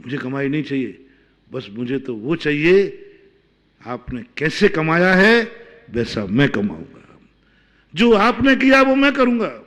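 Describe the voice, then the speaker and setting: A man from India, a Jain monk, preaching a sermon with emphatic rhetorical questions, swinging between loud and hushed delivery. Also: a little high, sing-song, measured pace, long pauses.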